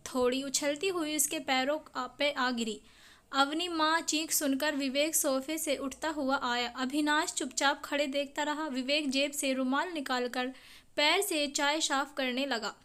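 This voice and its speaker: A woman's voice: high-pitched, fairly bright tone. A woman narrating a dramatic family story, reading all the characters' lines in her own voice. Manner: reads every character's lines in her own voice, reading the speaker names aloud.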